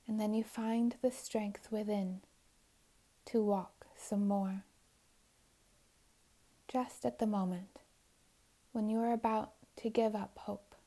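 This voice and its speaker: Female meditation guide: very slow, mellow, soothing, half-whispered delivery. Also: medium pitch. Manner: soft and soothing, slipping into whispers.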